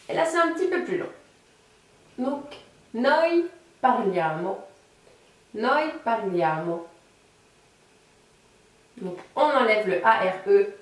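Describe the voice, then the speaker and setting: Woman language teacher, patient, clear modelling of words; boomy room, mic at a distance. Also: very echoey. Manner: patient explaining, slows down to model Italian words. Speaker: Italian teacher. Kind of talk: online language lesson.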